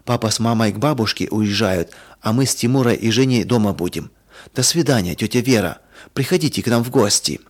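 A man's voice: fairly low pitch, a little fast, close to an everyday voice. A man doing a young schoolgirl, raised voice. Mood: hurried. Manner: pleading, then indignant. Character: young schoolgirl, eager, quick-tempered, remorseful.

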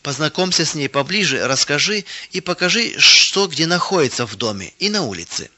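A man reading the lines of a kind mother giving gentle instructions. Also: on the high side, big pitch swings, brisk, lo-fi sound, full character voice. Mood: instructing.

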